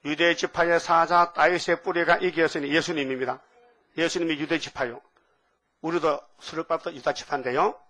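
A man's voice: a little high, moderate pace. An older man preaching a sermon, asking the congregation question after question. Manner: animated, asks the audience questions.

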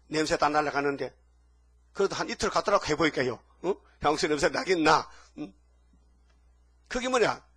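Man preaching, husky, slightly high voice, fervent and scolding, rhetorical questions. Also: lively intonation, moderate pace, pauses often, fairly bright tone. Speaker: pastor. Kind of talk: sermon.

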